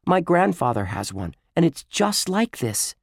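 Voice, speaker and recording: A man reading a children's book aloud, voicing an excitable young boy who complains a lot, in a raised, lively voice. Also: fairly high pitch, a little slow, creaky, dry recording, studio quality, voice pushed up, heavily acted. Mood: whiny.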